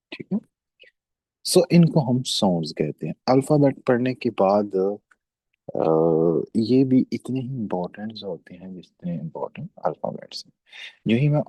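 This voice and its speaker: Gravelly low-voiced man teaching German. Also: mellow, no echo, rough recording. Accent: Pakistani. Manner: explains slowly with repeated check-ins. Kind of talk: classroom lesson explanation.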